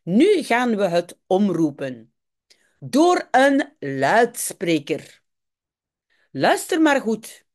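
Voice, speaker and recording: A woman's voice: mid-range voice, sing-song, drawn-out words, pauses often, a little mellow. A woman voicing a kind, helpful shop assistant in a storybook reading. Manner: friendly, reassuring.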